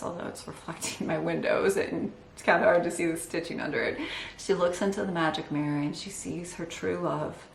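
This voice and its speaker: Deep-voiced and marked by vocal fry, an embroidery channel's host explains her stitching with excitement and dry humor while winded from holding a heavy piece. It's casual show-and-tell narration in an indoor room with windows. The audio sounds roomy, with some hiss or hum.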